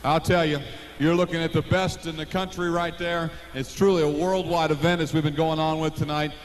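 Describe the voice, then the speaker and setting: Echoing, high-pitched American male arena announcer. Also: little pitch movement, fairly quick. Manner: booming showman delivery with stretched names. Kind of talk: driver introductions at a tractor pull show. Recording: echoey, noisy live arena PA.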